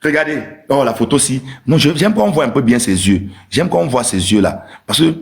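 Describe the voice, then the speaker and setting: A man's voice: mid-range voice, lively intonation, normal speed, gravelly. A man hosting a live stream with an emphatic, teasing comic rant, repeating his points. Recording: roomy echo.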